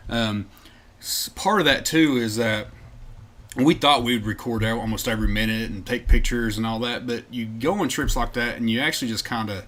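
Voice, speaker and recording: A man's voice: medium pitch, brisk, fairly bright tone. A man co-hosting a podcast, laid-back and chatty, drifting off into side tangents. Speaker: podcast co-host. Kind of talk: casual chat.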